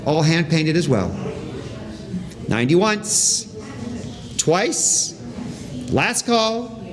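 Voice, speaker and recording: A man working as an auctioneer, calling bids in a live auction with repeating patter. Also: high-pitched.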